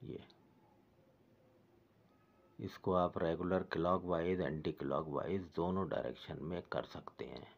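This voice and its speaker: A man calmly explaining knee exercises step by step, as a fitness instructor. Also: low-pitched, a little slow, gravelly, long pauses, highs cut off. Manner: patient, repetitive step-by-step guidance.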